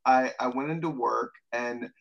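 A man's voice: mid-range voice, fairly even intonation, normal speed, gravelly, lo-fi sound. A man co-hosting a casual podcast, rambling through stories with sardonic humor and frequent swearing. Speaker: podcast co-host.

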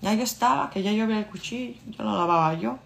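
A woman tells her own story straight to her listeners. She is animated and casual, and she acts out the back-and-forth dialogue as she goes. Her voice sits at a middle pitch. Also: fast talker, gravelly, slight background noise. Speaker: vlogger.

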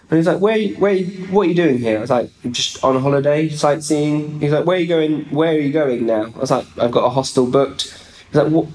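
A man's voice: fairly high pitch, fast, low-quality recording. A young man with an English accent, chatting casually and acting out the people in his travel anecdotes. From England. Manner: chatty, animated, acts out voices in anecdotes. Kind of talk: casual chat, storytelling. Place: stairwell.

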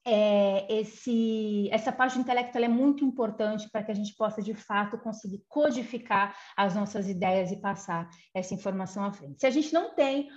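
A woman's voice: mid-range voice, normal speed, hardly any pauses, darkish tone. A woman giving an informal talk on communication, explaining step by step with frequent fillers and tag questions. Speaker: communication guidance speaker. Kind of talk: informal lecture. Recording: slightly muffled lo-fi audio.

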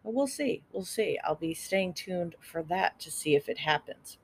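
A woman's voice: lowish voice, lively intonation, moderate pace, gravelly, husky. A woman hosting a podcast on her own, giving social media tips in a chatty, upbeat way and laughing at her own jokes. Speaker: podcast host. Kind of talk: casual solo podcast tips.

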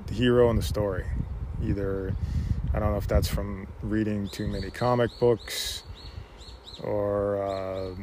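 A man telling a personal story in a halting way, full of "you know" fillers. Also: fairly low pitch, steady tone, background noise.

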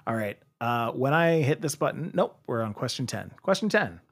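A man's voice: medium pitch, very animated, normal speed, background noise. A young man playing a guessing quiz and chatting casually, hesitant and playful, sometimes imitating sounds. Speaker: quiz player. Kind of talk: casual chat.

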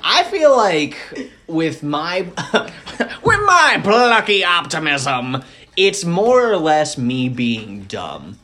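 A man in his twenties hosting a podcast, telling stories casually and jumping into loud acted quotes. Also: a little high, big pitch swings, drawn-out words. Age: 20s. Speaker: podcast host. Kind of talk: casual interview chat.

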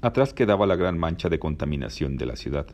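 Man, very low voice, steady narration, novel read aloud. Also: quick pace.

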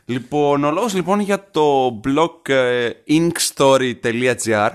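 A man's voice: medium pitch, clear, resonant tone. A young man from northern Greece co-hosting a podcast in casual chat, teasing and often restarting his sentences. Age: young adult. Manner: chatty, teasing, trails off and restarts. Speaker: podcast co-host.

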